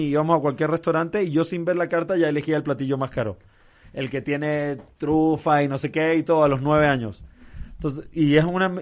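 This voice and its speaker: A man with a Mexican accent talking casually in conversation, swearing lightly and telling jokes. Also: on the high side. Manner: casual storyteller with slang, acting out voices in jokes.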